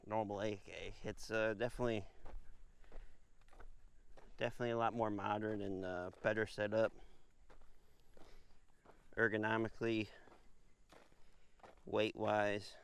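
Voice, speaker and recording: A man hosting a casual shooting vlog outdoors, talking in a relaxed, rambling way with lots of fillers. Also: fairly low pitch, measured pace, vocal fry, long pauses, clear, resonant tone. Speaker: firearms channel host.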